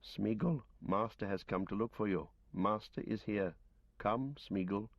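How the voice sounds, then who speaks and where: Man playing earnest young hobbit, soft pleading, low voice, slow, dull dry sound. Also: dry recording. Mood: urgent coaxing. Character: earnest young male hobbit, patient and urgent.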